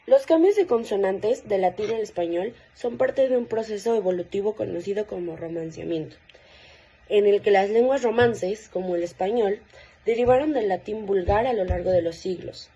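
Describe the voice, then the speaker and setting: Woman student presenter, mellow, breathy, reads examples carefully. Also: mid-range voice, normal speed, low-quality recording. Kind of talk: reading a class presentation.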